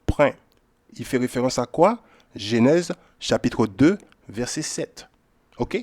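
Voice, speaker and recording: A man who calls himself a brother teaches from the Bible in a casual way. He keeps checking in with his listeners, and his voice swings between loud bursts and low mutters. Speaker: self-styled Bible teacher. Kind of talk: informal Bible reading with commentary.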